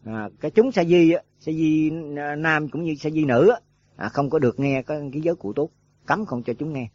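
A man's voice: on the high side, fairly quick, a little mellow. A man giving a rambling dharma talk to monks, full of filler words and rhetorical questions. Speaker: Buddhist monk teacher. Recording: dull lo-fi dry recording.

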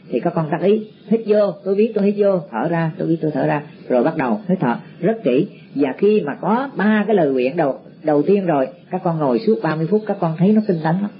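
A man giving a Buddhist dharma talk to disciples. He teaches slowly and repeats words as he searches for them. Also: on the high side. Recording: muffled lo-fi recording with faint background noise.

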